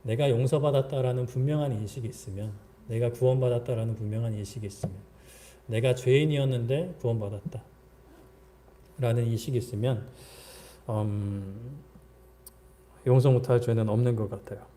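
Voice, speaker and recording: Male pastor, warm low-toned voice, conversational preaching, dramatizes prayers. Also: a little fast. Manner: frequent fillers and restarts, occasional chuckles. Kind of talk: sermon.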